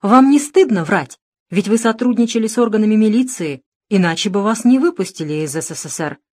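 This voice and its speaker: A woman's voice: medium pitch, lively intonation, a little fast, darkish tone, dry recording, pitched above the performer's own voice, lightly acted. A woman voicing a cool, mocking male private detective in an audiobook, speaking sternly. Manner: stern, needling. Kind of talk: audiobook narration.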